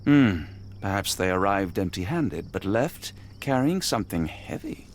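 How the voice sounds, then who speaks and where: A man's voice: low-pitched, big pitch swings, a little slow, a little hiss or hum. A man playing an earnest, decent doctor, a detective's loyal companion, in courteous, formal video game dialogue. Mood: wry, thoughtful. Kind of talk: dramatic mystery game dialogue.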